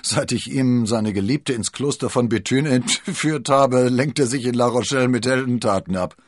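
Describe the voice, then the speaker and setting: A man voicing a cocky male spy in a storybook reading, loud and offhand. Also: medium pitch, normal speed, no echo, studio quality, pitched above the performer's own voice, close to an everyday voice. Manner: brash, offhand.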